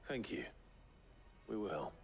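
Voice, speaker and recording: An actor playing a serious young swordsman in a video game, terse and low-key. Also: lively intonation, takes it slowly, vocal fry, full character voice. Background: game music.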